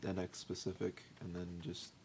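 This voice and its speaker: A man's voice: low voice, completely flat delivery, normal speed, vocal fry, darkish tone, slight background noise. A young man co-hosting a game stream, answering in a casual, hesitant way and trailing off. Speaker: co-host. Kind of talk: casual gaming chat.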